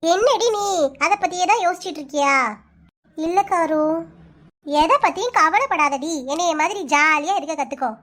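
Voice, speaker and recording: A woman's voice: very high voice, moderate pace, fairly bright tone. A woman voicing a carefree, cheerful young woman who talks breezily in a Kanyakumari Tamil accent, in a cartoon. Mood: breezy. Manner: breezy, teasing.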